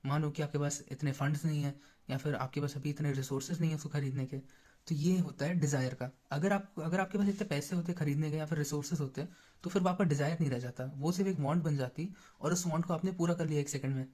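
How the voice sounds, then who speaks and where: A man's voice: fairly high pitch, fast, a little mellow. A young man tutoring in a casual lecture, explaining terms in a chatty way and checking in with listeners often. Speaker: exam-prep tutor.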